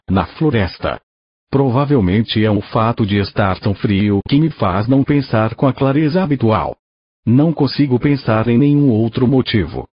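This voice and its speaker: Male synthetic narrator for a literary audiobook, slightly breathy tone, muffled lo-fi sound. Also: medium pitch, no echo. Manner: even, measured first-person reading. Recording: dull lo-fi dry recording.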